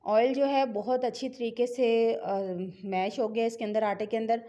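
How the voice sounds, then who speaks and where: A woman's voice: on the high side, fairly even intonation, normal speed, dark tone. A middle-aged woman with a Pakistani Urdu accent, talking viewers through a home cooking recipe in a chatty, encouraging, instructive way. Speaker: cooking channel host. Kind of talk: home cooking tutorial voice-over.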